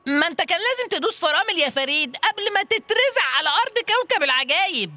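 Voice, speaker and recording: A woman's voice: very high-pitched, animated, fast talker, bright, forceful tone, no room sound, exaggerated voice. A woman voicing Safrout, a bossy, eager sidekick in a children's audio drama. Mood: fussing. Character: fussy helpful sidekick Safrout.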